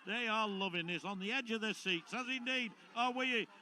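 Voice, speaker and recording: A man giving live play-by-play football commentary, rising to excited shouts when play gets tense. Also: sits high, normal speed, a little hiss or hum. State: out of breath.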